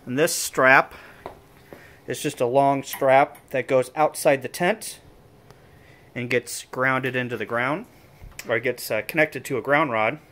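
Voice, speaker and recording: Speaking slowly with long pauses, a man with a medium, slightly bright voice shows off his amateur radio equipment in a loose, somewhat hesitant way, thinking aloud. The folding tables of gear fill an indoor room, and he records on a handheld phone or camera.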